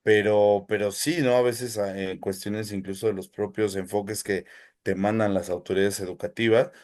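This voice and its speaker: Man, teacher, hesitant, lots of fillers, low pitch. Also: steady tone, darkish tone. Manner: measured, hesitant, many fillers and tag questions. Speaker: teacher, guest. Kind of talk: casual interview answers.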